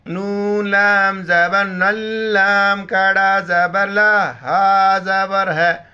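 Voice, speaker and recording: A man teaching Quran reading, with slow drawn-out recitation and quick spoken explanations in between. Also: high voice, little pitch movement, bright, forceful tone, clean tone, soft background music. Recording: slightly dull lo-fi audio.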